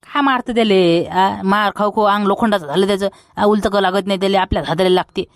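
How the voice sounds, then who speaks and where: Guy playing a grumbly village dad from vidarbha, high fast voice, dry sound. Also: no room sound. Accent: Vidarbha Marathi. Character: exasperated village father Hiraman. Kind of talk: comedy skit.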